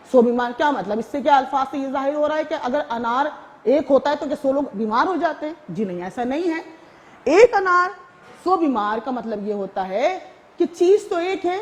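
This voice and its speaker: A high-pitched woman teaches a recorded school lesson with a Pakistani Urdu accent. She explains patiently and slowly, reading out words one at a time.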